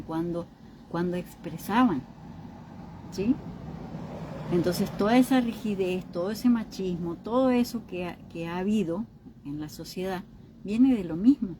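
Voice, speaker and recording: A woman's voice: lowish voice, a little slow, warm tone, slight background noise, rough recording. A woman giving an informal teaching talk on emotional healing. She keeps checking in with her listeners through short questions. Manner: acts out other people's remarks in quoted voices.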